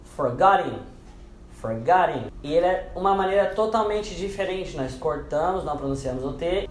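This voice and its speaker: A man's voice: reverberant, slight background noise. A man teaching English pronunciation in a lesson. He explains each rule patiently and repeats the example words several times. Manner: repeats example words, dropping lower for them.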